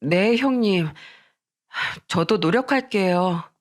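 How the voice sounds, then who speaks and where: A woman's voice: mid-range voice, lively intonation, takes it slowly. A woman reading the part of a blunt, rude young sister-in-law who talks back in a storybook drama. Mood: contrite.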